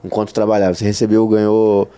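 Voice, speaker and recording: Host: a man with a dark, mellow tone, asking relaxed questions. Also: fairly low pitch, quick pace, smooth. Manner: easygoing, asks questions. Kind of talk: casual interview chat.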